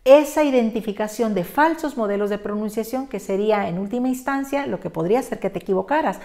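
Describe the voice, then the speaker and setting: A woman's voice: mid-range voice, fast, dark tone. A woman teaching spelling, methodically walking through each step in a close voice-over. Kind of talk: instructional lesson narration.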